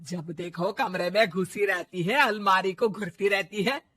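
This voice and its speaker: A woman voicing a harsh older mother-in-law in a cartoon story, bossy and scolding, shouting orders. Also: mid-range voice, a little slow. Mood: taunting.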